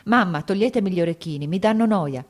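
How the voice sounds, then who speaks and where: A woman reading an audiobook, voicing a frightened young woman in labor who pleads in quick, repeated phrases. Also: lively intonation. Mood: pleading. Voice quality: high, strained and urgent.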